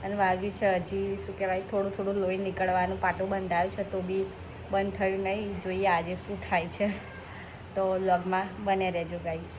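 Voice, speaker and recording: A woman's voice: medium pitch, little pitch movement, fairly quick, noisy background. A woman vlogger chatting to her viewers on a handheld phone, calling them guys as she goes about a busy home gathering. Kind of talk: casual vlog chat. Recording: phone vlog with crowd chatter.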